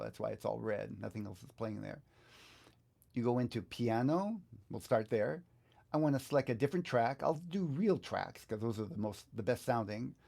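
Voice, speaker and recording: A creaky, dark-toned mid-range voice belongs to a man in his 50s or 60s teaching guitar live online. Working from an indoor studio, he gives an easygoing tutorial and thinks aloud as he talks.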